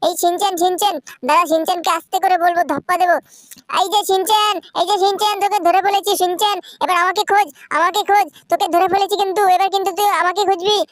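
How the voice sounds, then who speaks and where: A man's voice: very high voice, level tone, a bit bright, no room sound. A man voicing an eager cartoon robot cat searching in a game. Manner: fast, insistent.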